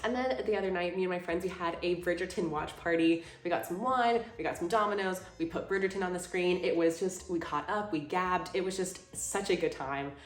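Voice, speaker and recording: A woman's voice: on the low side, a little fast, few pauses. A woman, chatting casually about her favorite things of the month, gushing and full of fillers. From Houston, Texas. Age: 20s. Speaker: vlogger. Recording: roomy sound with faint music.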